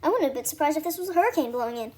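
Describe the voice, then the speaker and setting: Female audiobook narrator, mellow tone, casual unpolished first-person reading. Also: high-pitched, expressive, racing. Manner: unpolished reading with stumbles and restarts.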